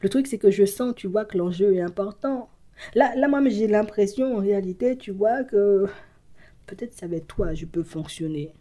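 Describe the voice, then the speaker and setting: A woman giving a casual card reading to her viewers, animated and full of fillers, sometimes dropping into a whisper. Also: medium pitch, moderate pace. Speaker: card reader. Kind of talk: casual tarot-style reading to camera.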